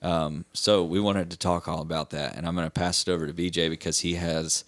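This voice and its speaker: Very deep-voiced man hosting a podcast. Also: steady tone, brisk, a bit bright, no echo. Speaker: host. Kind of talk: casual podcast chat.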